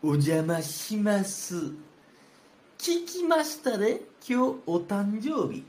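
A man's voice: high-pitched, very animated, takes it slowly, darkish tone, voice pushed up, full character voice. A man voicing a snobbish, boastful male guest in rakugo storytelling, with a Kansai accent and drawling, scornful complaints. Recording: roomy with faint ambience.

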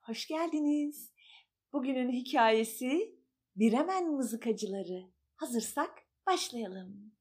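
A woman telling a children's fairy tale in a gentle, sing-song way. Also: a little high, lively intonation, slow pace, breathy edge. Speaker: storyteller. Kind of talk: children's storytelling.

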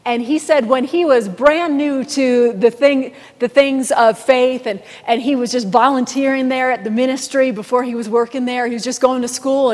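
A woman pastor preaching a sermon, telling a story in a lively storytelling manner. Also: on the high side, long reverb tail.

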